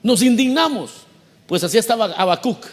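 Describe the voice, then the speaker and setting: A man with a high-pitched voice preaches a sermon. He talks to his listeners directly and keeps questioning them. He acts out the voices he quotes with broad swings in pitch and loudness. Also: lively intonation, normal speed. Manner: conversational preaching, asks the congregation questions. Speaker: pastor.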